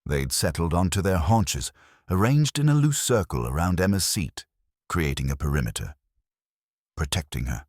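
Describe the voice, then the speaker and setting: A man narrating a sci-fi story in a measured, dramatic storytelling manner. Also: low-pitched, sing-song, darkish tone, no room sound, clean studio sound.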